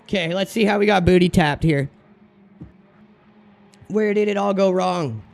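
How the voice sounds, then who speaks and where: A streamer whose voice sits high, a little mellow and marked by vocal fry, delivers unhurried, casual game commentary. Expect frat-bro talk: thick slang, swearing, and exasperated ranting.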